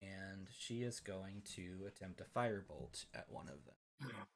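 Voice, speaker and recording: A man's voice: low voice, expressive, a little slow, slight background noise. A man narrating as game master, loose and rambling with lots of fillers.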